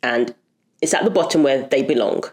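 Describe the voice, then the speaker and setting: Indignant low-voiced woman. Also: lively intonation, normal speed, darkish tone. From Britain. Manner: indignant, emphatic. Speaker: commentary video host. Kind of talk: opinionated commentary.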